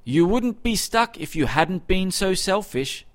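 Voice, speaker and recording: A man's voice: medium pitch, big pitch swings, measured pace. A man voicing a clever young village girl from a folk tale, matter-of-fact and firm.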